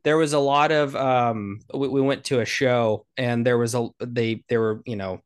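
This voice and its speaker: Male podcast co-host, raspy and a bit hoarse, mid-pitched, informal sports chat and storytelling. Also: fairly even intonation, moderate pace. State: hoarse after vacation.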